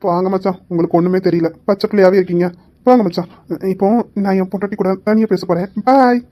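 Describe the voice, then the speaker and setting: A woman's voice: mid-range voice, steady tone, fast, dark tone, close to an everyday voice. A woman voicing a teasing young man in a Tamil audio drama, bantering and bossy toward his bride-to-be. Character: teasing young male groom, cheeky and bold. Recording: dull lo-fi audio.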